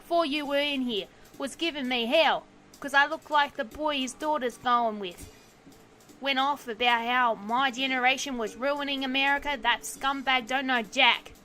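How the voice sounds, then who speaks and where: A woman doing a gruff angry young cabbie. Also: very high voice, normal speed, sharp tone, soft background music, exaggerated voice. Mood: grumbling. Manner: put-on accent, heated ranting. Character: young angry male taxi driver, gruff ranter.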